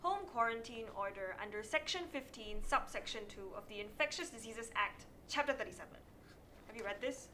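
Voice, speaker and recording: Woman doing a bossy big sister, high bright voice, naggy. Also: lively intonation, a little fast, slight background noise. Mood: indignant. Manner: bossy, scolding. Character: preachy young woman, eco-minded older sister. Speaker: actor in a student stage play. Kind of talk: stage acting.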